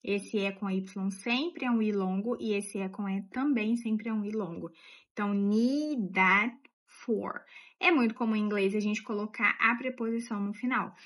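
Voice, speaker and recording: A Brazilian woman teaching English pronunciation in a casual, chatty way, explaining step by step and saying example words slowly. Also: medium pitch, fairly even intonation.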